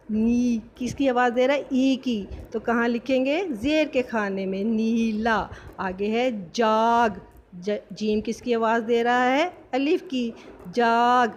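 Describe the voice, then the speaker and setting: A woman teaching a primary school language lesson, spelling words slowly sound by sound and quizzing her pupils. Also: on the high side, slight background noise. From Pakistan. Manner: slow, syllable-by-syllable spelling with quiz questions. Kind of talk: recorded classroom lesson.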